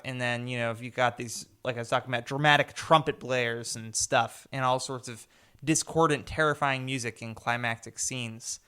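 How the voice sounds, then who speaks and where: A young man co-hosts a casual film podcast, his voice bright and crisp. He explains scenes at length and gets animated when he acts them out. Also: mid-range voice. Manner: animated, acts out scenes with sudden loud outbursts. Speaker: podcast co-host.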